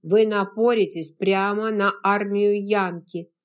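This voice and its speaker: A woman doing a stern, bold Southern gentleman. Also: medium pitch, steady tone, takes it slowly, natural voice. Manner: firm and scolding, then tender and hushed.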